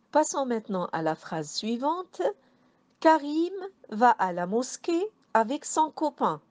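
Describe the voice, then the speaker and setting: Woman, primary teacher, remote spelling lesson, very slow and deliberate, spells letter by letter, gentle with pupils. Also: on the high side, no room sound. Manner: slow, careful syllable-by-syllable spelling aloud; addresses pupils gently and encouragingly. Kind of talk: distance-learning spelling lesson.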